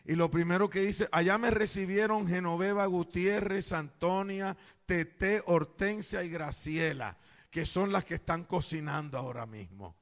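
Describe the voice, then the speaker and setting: A preacher man from the Caribbean giving a lively sermon, loud and playful, joking with the congregation in a church. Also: high voice, unhurried, long reverb tail.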